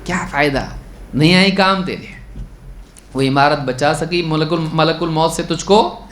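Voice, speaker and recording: A man gives a religious lesson on prayer in a slightly high voice, heard in an echoey room. He recites a line of Arabic text, explains it, and keeps putting questions to his listeners before answering them himself. His exhortations turn stern and pleading. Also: fairly bright tone, a little hiss or hum. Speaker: religious teacher.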